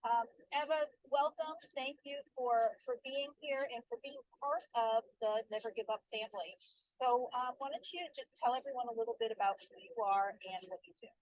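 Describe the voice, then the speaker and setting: A woman interviewer asking questions in a brisk, friendly way. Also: fairly high pitch. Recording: dull lo-fi dry sound.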